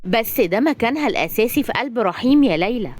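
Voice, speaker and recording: A woman's voice: fairly high pitch, lively intonation, quick pace, a little mellow, a little hiss or hum, natural voice. A woman with an Egyptian accent voicing a chatty, scheming older grandmother. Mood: chatty, plotting. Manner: chatty, conspiratorial.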